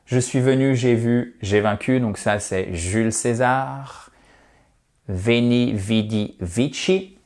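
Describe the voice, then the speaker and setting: A man's voice: medium pitch, slow, a little mellow. Male teacher, casual online lesson, chatty, reassuring, friendly asides. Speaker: English teacher.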